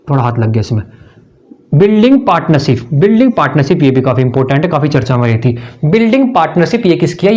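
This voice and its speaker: A man's voice: a little high, a little mellow. A man, teaching exam memory tricks in a chummy way. He asks his own questions, answers them himself and keeps repeating the key words.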